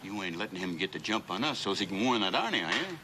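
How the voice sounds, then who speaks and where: An actor playing a hot-tempered, brusque American posse leader barking orders in a 1960s TV western. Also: male voice, deep voice, big pitch swings, fast. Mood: angry, suspicious. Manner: brusque, commanding. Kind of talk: 1960s television western acting. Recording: noisy old TV soundtrack.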